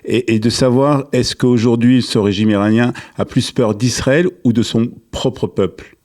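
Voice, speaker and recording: A man's voice: medium pitch, steady tone, unhurried, a little mellow. A man hosting a radio interview, asking questions and thanking his guest with many fillers. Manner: hesitant, many fillers when wrapping up.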